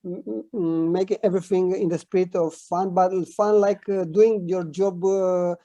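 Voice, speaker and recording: A man with a Romanian accent, a native Romanian speaker, chatting casually as an interview guest and haltingly searching for words. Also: sits high, fairly even intonation, warm tone, dry recording, dull audio.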